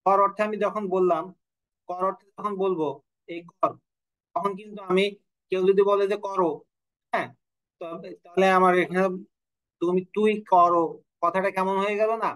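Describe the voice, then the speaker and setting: A man's voice: high voice, steady tone, moderate pace, pauses often, a bit bright, rough recording. A man teaching an online language class, explaining rules, asking his students questions and telling a joke now and then. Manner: explanatory, asks students questions, tells jokes. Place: online class from home or studio.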